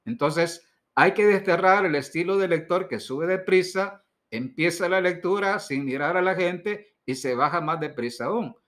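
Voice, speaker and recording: Male instructor, slightly high-pitched, measured teaching delivery, gives direct practical advice. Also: fairly bright tone. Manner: deliberate, stresses key words slowly; direct, addresses listener with advice. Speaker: liturgy instructor. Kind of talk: instructional talk.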